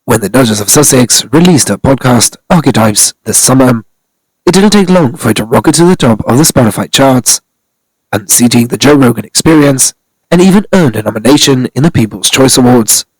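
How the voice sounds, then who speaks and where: A man's voice: mid-range voice, animated, fairly quick, darkish tone, breathy edge, dry recording, rough recording. A man narrating a scripted celebrity news commentary, reading steadily from articles.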